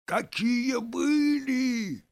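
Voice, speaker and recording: A man voicing an excitable young boy in a children's storybook, his voice pitched high and shrill. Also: very slow, creaky, heavily acted. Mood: agitated.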